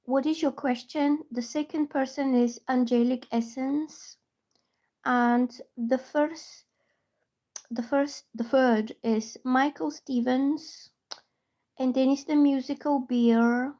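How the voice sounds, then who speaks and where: A Bulgarian tarot reader, freshly woken up, chats casually with viewers on a livestream from her phone. She is chatty and meandering, reading viewer names aloud in a high, steady, mellow voice at a slow pace.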